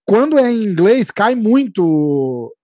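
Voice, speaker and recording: A man's voice: sits high, very animated, takes it slowly, dark tone, no room sound, clean studio sound. A man with a Brazilian accent hosting a casual podcast chat in slangy, sweary, informal speech. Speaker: podcast host.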